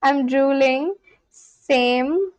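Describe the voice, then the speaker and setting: A woman livestream host who is learning Spanish chats casually and practises language phrases aloud. Her voice is high-pitched and very slow, and the recording is dry.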